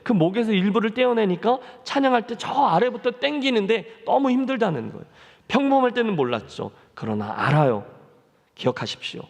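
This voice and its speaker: Male pastor preaching, high lively voice, big echoey church hall. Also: brisk, creaky. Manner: earnest storytelling, addressing the congregation directly. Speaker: senior pastor. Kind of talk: sermon. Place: church sanctuary. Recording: long reverb of a church hall.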